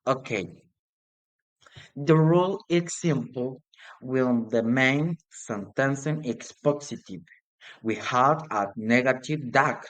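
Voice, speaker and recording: A man talks through an English grammar lesson at a very slow, deliberate pace. His delivery is halting and hesitant, full of restarts and pauses, and his voice sits at an ordinary middle pitch. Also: rough recording. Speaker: student presenting a grammar lesson. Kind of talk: read-aloud classroom presentation.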